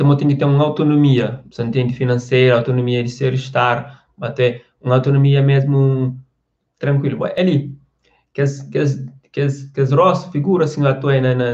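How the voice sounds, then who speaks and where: Through a muffled recording comes a man's mid-range, slightly mellow voice as he hosts a casual live stream. He reads viewer comments, talks at length in a rambling way with restarts, and keeps asking "você entende?".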